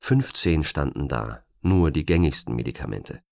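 A man reading an audiobook thriller with expressive, suspenseful narration. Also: a bass voice, normal speed, vocal fry, dry recording, clean studio sound. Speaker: audiobook reader.

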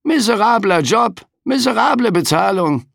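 For an audiobook, a man performs a full character voice as a grumpy, overworked male Grim Reaper skeleton, grumbling, cheeky, and tagging questions with "hä". His pushed-up voice is high-pitched and a bit bright, with vocal fry, lively intonation, and a moderate pace. The clean studio recording has no room sound.

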